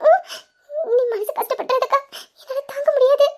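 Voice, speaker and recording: A woman's voice: extremely high pitch, moderate pace. A woman voicing a cheerful young woman who laughs as she soothes her worried elder sister. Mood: reassuring. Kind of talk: Tamil audio story acting.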